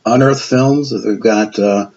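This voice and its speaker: This Southern US accent comes from a Virginia man in his fifties or sixties whose voice is on the low side and a little mellow, moving at a slow pace. Chatty and self-mocking, he rambles a bit during a casual show-and-tell of his films, captured in dull lo-fi sound with faint hiss.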